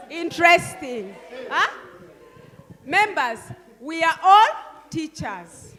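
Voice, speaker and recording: This workshop facilitator, an older woman from Uganda, sounds high, pushed and bright. She keeps coaxing and steering the group with frequent questioning tags, and the recording has a long hall reverb.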